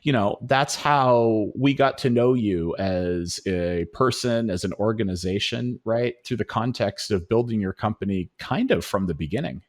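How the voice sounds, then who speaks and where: A man's voice: fairly low pitch, normal speed, hardly any pauses. A middle-aged man hosting a podcast, reading an upbeat scripted intro and then chatting with a guest in an enthusiastic way. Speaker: podcast host.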